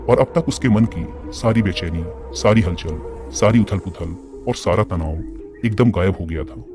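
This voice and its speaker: A man narrating a story in calm, measured storytelling. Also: lowish voice. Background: music.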